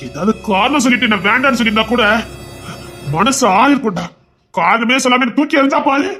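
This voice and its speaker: A man's voice: very high voice, lively intonation, fairly quick, bright, forceful tone, faint music behind, full character voice. A man voicing a bitter, stubborn jilted young man in an audio drama, speaking in a brooding, resentful, emphatic way. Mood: hurt. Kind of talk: Tamil audio drama acting.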